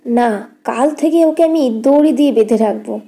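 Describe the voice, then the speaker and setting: A woman's voice: fairly high pitch, normal speed, gravelly, dark tone. A woman voicing a proud, stubborn young wife and doting aunt, giving defiant, curt replies as an audiobook character.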